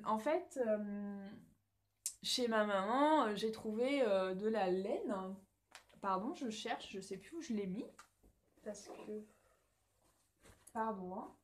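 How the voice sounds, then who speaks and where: A young French woman with a medium-pitched voice chats casually to her camera about knitting, rambling with plenty of fillers and restarts. She records at home on a phone or camera, and there's a slight hiss or hum.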